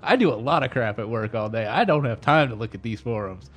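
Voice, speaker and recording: A man's voice: medium pitch, animated, fast talker, fairly bright tone. A man with a Southern US accent chats casually as a podcast co-host, rambling and joking. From Southern United States, Arkansas. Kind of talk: casual chat.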